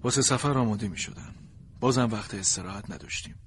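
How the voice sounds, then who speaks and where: A man narrates a storybook from a sled dog's point of view, in an expressive, plaintive way. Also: lowish voice, slight background noise.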